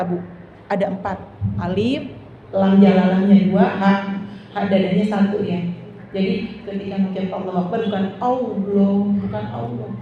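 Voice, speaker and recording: A woman religious teacher, giving a lesson to women, asking questions and drawing out recited phrases slowly. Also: medium pitch, mellow, slight background noise. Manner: drawn-out demonstrative recitation, asks the audience questions. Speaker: Islamic teacher. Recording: distant echoey hall, dull lo-fi sound.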